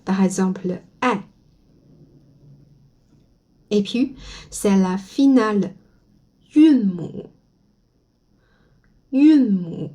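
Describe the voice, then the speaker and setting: A woman whose first language is Chinese, teaching pronunciation slowly and modeling each sound for learners to repeat. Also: medium pitch, warm tone. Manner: slow and careful, models sounds for repetition. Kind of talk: slow spoken language lesson.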